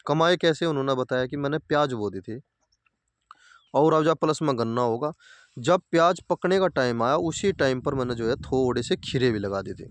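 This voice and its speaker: A man with a mid-range voice speaks at normal speed while hosting a farming video outdoors by his fields. He gives plain, repetitive advice in a casual way, addressing his audience as farmer brothers.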